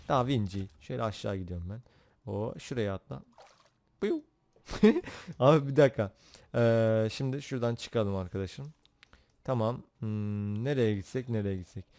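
An excitable young man chatters through a Minecraft session, joking and reacting to the game as he goes. His voice is smooth and crisp, recorded dry and close with no room sound. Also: medium pitch, dry recording. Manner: excitable, jokey, talks to himself while playing. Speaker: gaming YouTuber. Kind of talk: Minecraft let's play commentary.

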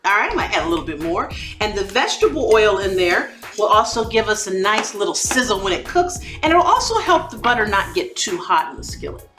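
Lively, bright-voiced woman cooking on camera. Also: mid-range voice, a little fast, hardly any pauses. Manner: chatty, encouraging, laughs between steps. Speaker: cooking show host. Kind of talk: cooking demonstration. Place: home kitchen, indoors. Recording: echoey kitchen with soft background music.

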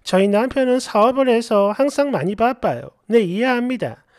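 Expressive woman reading a story aloud. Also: on the high side, normal speed, no echo, clean studio sound. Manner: expressive, acts out quoted lines. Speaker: story narrator. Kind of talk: dramatic reading of a reader's story.

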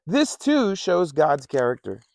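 A man's voice: fairly high pitch, very animated, unhurried, darkish tone, no echo. A man preaching a casual, conversational sermon, often repeating himself and chuckling between points. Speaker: pastor.

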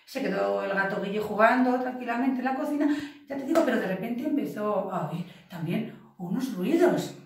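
A woman teacher telling a bedtime-style story to young children, lively and playful with her sound effects. Her voice sits high. The recording is very echoey, with the mic far from her. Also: moderate pace, creaky.

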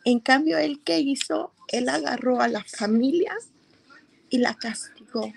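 A middle-aged woman recounting a painful personal story in a slow, halting way. Her voice sits a little high and has a gravelly, fry-laden edge. She pauses and restarts as she talks. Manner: slow, emotional storytelling with hesitations. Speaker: interviewee. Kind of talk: personal testimony.

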